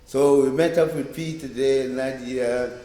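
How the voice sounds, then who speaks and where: A South African man in his fifties, from a Cape Town township, speaks with a steady, warm voice of medium pitch. He's a reggae bass player and the guest in a casual oral-history interview, and his recollections ramble, halting and repeating words. It was recorded indoors in a library room, with a roomy, echoey sound.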